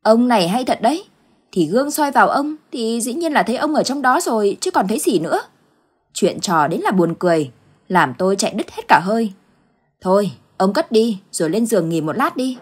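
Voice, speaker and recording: Woman reading as a brisk, scolding old village wife; husky voice. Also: on the high side, big pitch swings, voice pushed up. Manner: scolding, dismissive.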